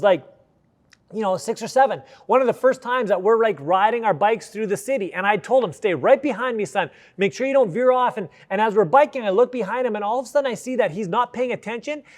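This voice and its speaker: Earnest high-voiced man preaching to youth. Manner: earnest, conversational, many likes and restarts. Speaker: youth pastor. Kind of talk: youth sermon.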